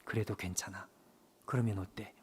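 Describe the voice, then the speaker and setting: A gentle, loving God speaks in a hushed, low murmur that sinks almost to a whisper, as a male preacher puts him on. The voice is soft and reassuring, and it moves in a lively way even when it is quiet. It is a sermon retelling, not a staged drama. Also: moderate pace. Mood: tender. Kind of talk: sermon storytelling.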